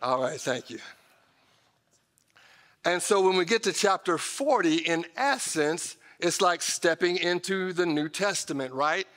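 A middle-aged American pastor preaches from a large church auditorium stage, his high, expressive voice fairly bright and a little slow. He's emphatic and conversational, talking straight to his congregation with folksy asides, and the indoor hall gives the recording a reverberant sound.

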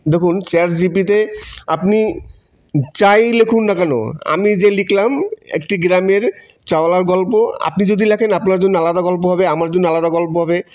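A Bengali man with a high voice and darkish tone narrates a step-by-step tutorial at a moderate pace, keeping a steady tone. His delivery is repetitive and instructional, and the voice-over sounds dull, muffled and lo-fi.

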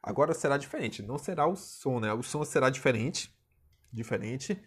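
A young male teacher gives a recorded video lesson. His voice is husky and sits at a middle pitch. He talks in a chatty way, always asking rhetorical questions and adding tag questions. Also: lively intonation, normal speed, a bit bright.

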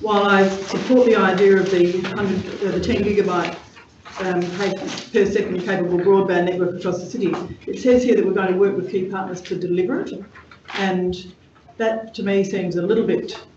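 A high-pitched man speaks haltingly in a committee meeting, full of ums as he works through his points. He is picked up from a distance in an echoey chamber. The sound is dull, with steady noise behind it. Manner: hesitant, halting, with many fillers. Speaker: deputy lord mayor at a council committee meeting. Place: council chamber.

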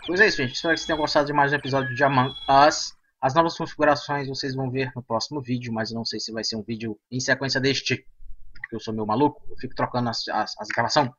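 A man hosting a gaming channel, chatting excitedly to himself and his viewers over gameplay. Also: mid-range voice, quick pace, breathy edge, dull audio. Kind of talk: casual gameplay commentary.

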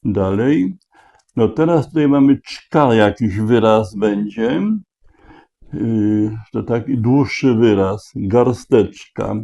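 Slow, deliberate man solving a crossword. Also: fairly low pitch, vocal fry, warm tone. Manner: slow, deliberate, spelling out letters. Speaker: crossword solver. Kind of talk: thinking aloud while solving a crossword. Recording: dull lo-fi recording.

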